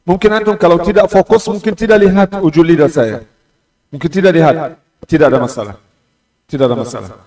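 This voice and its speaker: A man teaching Quran pronunciation, explaining calmly and drawing out syllables again and again to demonstrate them. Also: fairly high pitch. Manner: slow and patient, repeating letters and syllables to demonstrate pronunciation. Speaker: tajwid teacher. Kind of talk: Quran recitation lesson. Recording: roomy echo, distant mic.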